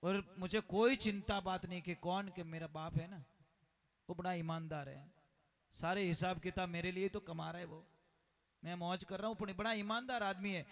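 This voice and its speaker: A man preaching a moral sermon at a conference, acting out family stories with dramatic shifts in voice. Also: high voice. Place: education conference hall.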